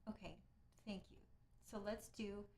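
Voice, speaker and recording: A middle-aged woman streamer talking casually to her live chat at a mid pitch for a woman. She rambles, trails off and thanks viewers by name, all in a loose, unscripted way. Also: fairly even intonation, unhurried, a little mellow, slight background noise.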